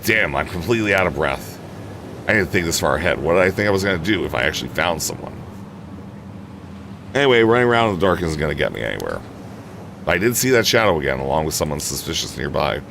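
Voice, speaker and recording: A man's voice: deep voice, gravelly, fairly bright tone, slight background noise, heavily acted. A man reading out the lines of a frightened young woman caught in a curse on an island, in his own plain voice over game music. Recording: game music playing behind.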